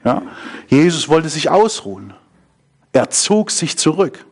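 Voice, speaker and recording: A man's voice: on the high side, very animated, unhurried, breathy edge. A man preaching a sermon, often asking his listeners questions. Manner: engaging, asks the audience questions.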